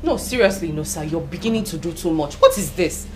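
A woman's voice: lowish voice, expressive, fairly quick, background noise, natural voice. An actress playing a stubborn young woman who dares an official to take her key. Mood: taunting. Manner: taunting, challenging.

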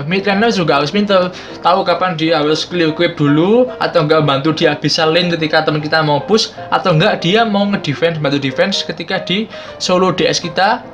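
A man's voice: a little high, fairly bright tone. Young man with unclear r and l. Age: 20s. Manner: chatty, informal, addresses viewers as friends. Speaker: gaming YouTuber. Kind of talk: casual explainer to camera. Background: background music.

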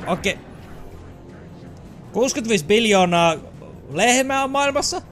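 A young man giving jokey, excitable let's-play commentary, who often shouts at the game. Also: very high voice, faint music behind. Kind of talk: casual gameplay commentary.

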